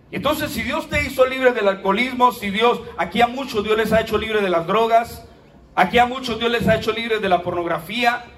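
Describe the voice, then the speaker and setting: High-voiced pastor preaching. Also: male voice, distant mic. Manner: animated storytelling with humor. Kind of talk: sermon. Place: church hall.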